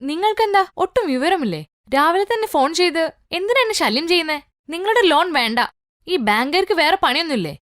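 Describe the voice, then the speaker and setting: Snappy spoiled rich mom in a cartoon done by a woman, bossy, high pitched and dry. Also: big pitch swings, a little fast, dry recording. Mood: angry. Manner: sharp, irritable, commanding. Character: vain, snappy rich young mother.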